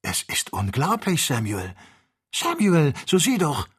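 A man voicing a blunt male hunter companion who exclaims briskly, in an audiobook reading. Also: lowish voice, very animated, husky. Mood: amazed.

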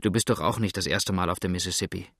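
Man voicing a calm old traveller in a storybook, reassuring, low gravelly voice, dry close sound. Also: fast talker, dry recording.

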